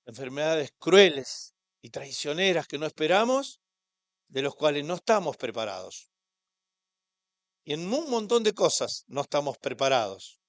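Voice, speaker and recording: A high-voiced man with an Argentine Spanish accent, preaching in church as a pastor. His delivery is impassioned and climbs on each rhetorical question. The sound is dry and close, with little room echo. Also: sing-song, normal speed. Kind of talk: sermon.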